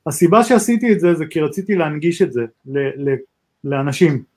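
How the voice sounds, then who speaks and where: Podcast co-host: man, Israeli accent, fairly high voice, halting casual explanations with restarts. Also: lively intonation, a little mellow. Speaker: talk co-host, tech entrepreneur.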